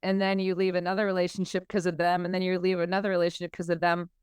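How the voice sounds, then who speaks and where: A woman's voice: on the low side, monotone, fast talker, a little mellow, smooth, no room sound, studio quality. A middle-aged woman from Minnesota, a guest on a podcast interview, explaining emotional healing and acting out inner voices. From Minnesota, USA.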